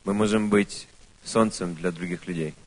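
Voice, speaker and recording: A man interpreting a speech, phrase by phrase, quick and with restarts. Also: sits low, fairly even intonation. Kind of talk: consecutive interpreting.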